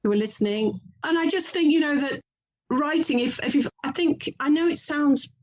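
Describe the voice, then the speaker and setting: An author and audio drama producer from England, speaking with an English accent, gushes enthusiastically as a conversational interview guest. Her voice is high-pitched and expressive at normal speed, though the recording is low quality.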